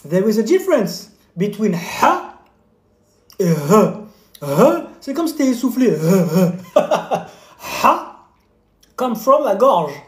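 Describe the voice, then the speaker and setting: A man's voice: sits high, sing-song, slow. Chatty man on a live stream, echoey. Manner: chatty, teasing, mock-lessons, talks with mouth full. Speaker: fitness coach streaming live. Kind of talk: casual live-stream chat while eating.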